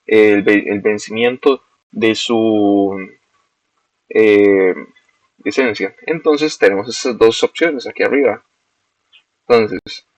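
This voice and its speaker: A young man, a student walking through a screen-recorded software demo step by step and correcting himself as he goes. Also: mid-range voice, no room sound. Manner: explains step by step, self-corrects. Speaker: student presenting a project. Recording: dull, lo-fi dry recording.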